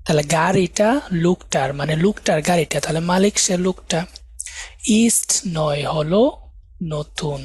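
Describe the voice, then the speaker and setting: Husky-voiced man teaching patiently. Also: fairly high pitch, dry recording. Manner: patient, explains step by step and repeats key words; slows down to break words into syllables. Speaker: German language instructor. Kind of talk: live online grammar lesson.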